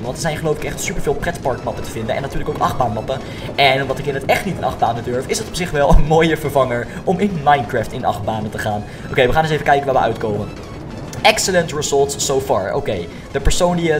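Excitable young man, gaming commentary over music. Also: mid-range voice, racing. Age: young adult. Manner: excitable, addresses viewers, mixes English slang into speech. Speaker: gaming YouTuber. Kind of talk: excited Minecraft gameplay commentary.

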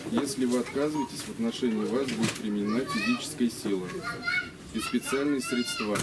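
Insistent policeman amid loud noise. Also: medium pitch, huge pitch swings, a little fast, recorded from a distance. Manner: official, insistent. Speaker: police officer. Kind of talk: formal verbal orders. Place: indoors, supermarket. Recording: very noisy supermarket, handheld camera.

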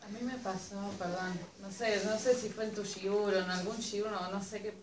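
A woman with an Argentine accent, a mother in the audience, telling a story softly and hesitantly with many restarts. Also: mid-range voice, steady tone, normal speed. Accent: Argentine Spanish. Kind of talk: telling a personal story in a class. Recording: echoey room, mic far off.

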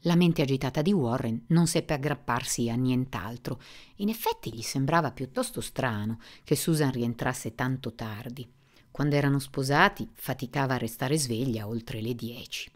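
A woman reading a novel aloud with an expressive, dramatic delivery. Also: very deep voice, moderate pace. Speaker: reader.

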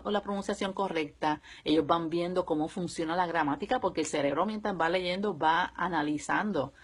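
A Puerto Rican woman in her thirties or forties, who homeschools and hosts live videos, explains things casually and step by step with examples to an audience at home. Her voice is slightly husky and on the low side, with a Puerto Rican accent. She's in a small indoor room, picked up at close range by a phone or webcam.

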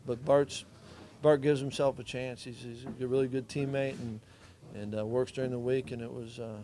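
Middle-aged male coach, flat delivery, mellow tone, postgame presser answers. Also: mid-range voice, normal speed. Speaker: head football coach.

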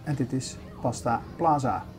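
An older man talks his viewers around a big indoor supermarket, chatty and easygoing as he points out the aisles. His voice is mellow and dark. Faint music plays in the background. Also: mid-range voice, a little slow. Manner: chatty, showing things around as he walks. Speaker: vlogger. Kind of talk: casual shopping vlog narration.

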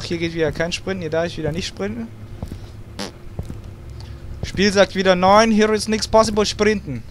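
A man's voice: medium pitch, noisy background. A young man, commenting on a horror game with sarcastic, swearing remarks and English words mixed in. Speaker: let's play gamer.

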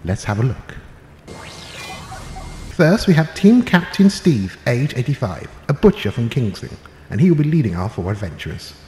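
A man playing a pompous, posh male game show host, presenting in a grand, slow, theatrical way. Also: mid-range voice, big pitch swings, mellow, close to an everyday voice. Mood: grandiose. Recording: echoey roomy room with faint noise.

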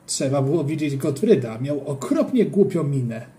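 A reader telling a children's story in the voice of a schoolboy, playful and very animated. The pitch jumps around a lot, and the tone stays dark and mellow. The reading bounces along with the action of the story. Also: normal speed. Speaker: audiobook reader. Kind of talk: storytelling narration of a children's book.

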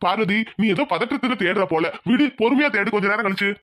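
A woman voicing a calm, patient middle-aged husband in a cartoon, soothing his worried wife. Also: medium pitch, quick pace, natural voice.

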